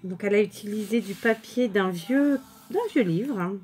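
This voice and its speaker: Animated and mid-range, at a moderate pace, she unpacks crafting mail and chats with her YouTube viewers about what she bought. Her talk is chatty and warm in its thanks, full of fillers and restarts.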